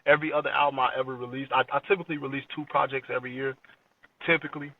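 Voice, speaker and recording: Racing along in a level, mid-range voice, an American rapper from Chicago in his late twenties talks informally as a podcast interview guest, slang and all, repeatedly checking that the listener is with him. The lo-fi sound is dull, and he's far off the microphone.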